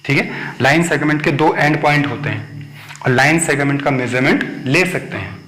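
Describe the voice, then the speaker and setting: Patient maths teacher, echoey room. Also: male voice, a little high, normal speed, a bit bright, soft background music. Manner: patient, repeats points and checks understanding with the class. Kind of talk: whiteboard maths lesson for children. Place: classroom at a board.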